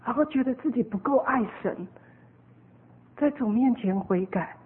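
A woman tells her testimony in an earnest, animated preaching style, her voice sitting a little high. The sound is narrow and phone-like. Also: normal speed. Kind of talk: sermon testimony.

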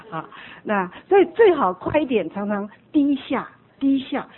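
A woman leading a church meeting, gently encouraging the congregation with light laughter. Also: on the high side, big pitch swings, takes it slowly, husky. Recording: tinny phone-like sound.

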